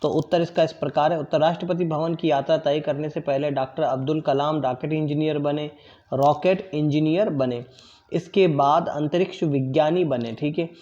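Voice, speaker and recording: A man teaching an online class, explaining answers slowly and repeating them, often checking in with his pupils. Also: on the high side, fairly even intonation, mellow, muffled recording. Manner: drills pronunciation, word then pause for pupils.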